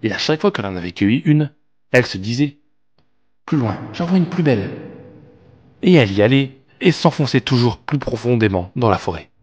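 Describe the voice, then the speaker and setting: A man reading classic fairy tales aloud as a storyteller, with expressive, animated narration. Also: mid-range voice, highs cut off. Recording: long reverb, faint background music.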